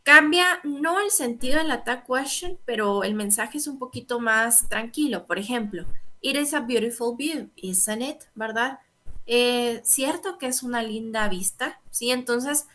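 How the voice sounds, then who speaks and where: Bright-voiced woman teaching. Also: on the high side. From Guatemala. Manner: explains patiently, asks "¿verdad?" and "¿sí?" constantly. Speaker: English teacher. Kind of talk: online lecture explaining grammar.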